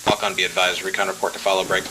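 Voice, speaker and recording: A man's voice: low voice, completely flat delivery, racing. A man making military radio reports to team leaders in a game. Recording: clearly noisy game voice chat.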